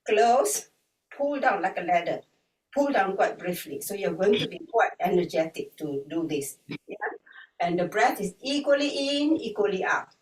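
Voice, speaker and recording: A woman guiding an online breathwork and yoga class in an unhurried, gently instructive way. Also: medium pitch. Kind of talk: guided online class instruction, with chanted mantras. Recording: roomy echo, distant from the mic.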